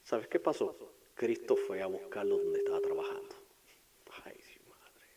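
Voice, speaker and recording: A male pastor preaching a sermon, dropping to whispered asides and then rising to loud, impassioned declarations. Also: fairly low pitch, big pitch swings, normal speed, very noisy.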